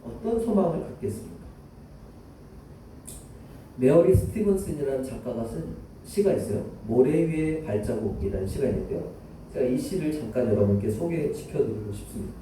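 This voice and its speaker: A man's voice: medium pitch, animated, fairly quick, mellow, a little hiss or hum. A man preaching a sermon as a missionary, earnestly addressing the congregation. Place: church hall. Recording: echoey church sound from far off.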